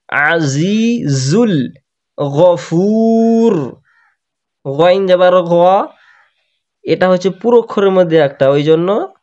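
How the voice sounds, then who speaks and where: A man teaching tajweed in an online class, patiently repeating words slowly for students to copy. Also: fairly high pitch, muffled recording. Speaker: Quran recitation teacher. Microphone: video call.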